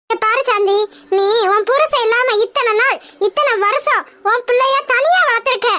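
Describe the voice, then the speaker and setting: A woman voicing a bold, protective middle-aged aunt in a cartoon, with a very high squeaky voice and a brisk, commanding, scolding manner. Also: heavy background noise. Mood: stern. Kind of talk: cartoon voice acting.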